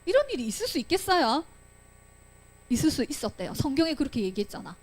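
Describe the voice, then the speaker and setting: A woman's voice: high-pitched, very animated, fast talker. A woman teaching a children's Sunday school Bible lesson, asking the children questions and acting out the voices she quotes.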